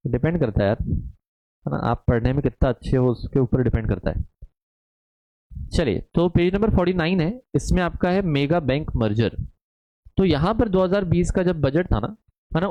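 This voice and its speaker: Teaching commerce exam prep live online, this man has a darkish voice on the high side, with no room sound in the dull, dry, lo-fi stream audio. He chats repetitively, saying "है ना" all the time, reading students' chat messages aloud and frequently checking in on them.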